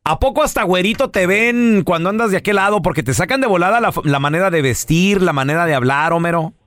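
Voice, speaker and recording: A Mexican man hosts a joking radio show with a high, bouncy voice that swoops up and down. He teases callers in playful slang and keeps the banter rolling. His delivery is loose and animated. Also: fast talker, no room sound.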